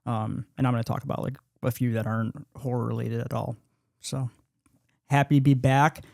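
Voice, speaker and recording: A man's voice: mid-range voice, fairly even intonation, fairly quick, vocal fry, a little mellow, no room sound, studio quality. A man hosting a podcast in loose, casual chat, swearing now and then. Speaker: podcast host.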